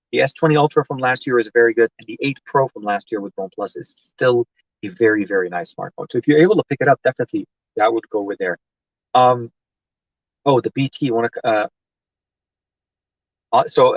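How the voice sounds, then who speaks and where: A man's voice: mid-range voice, no echo. Guy doing a casual tech livestream from his car, rambly, lots of ums, mid voice, kinda dull dry audio. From Lebanon. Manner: rambling and chatty, many fillers and restarts. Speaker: tech live-stream host. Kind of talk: casual live-stream chat answering comments. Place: inside a parked car.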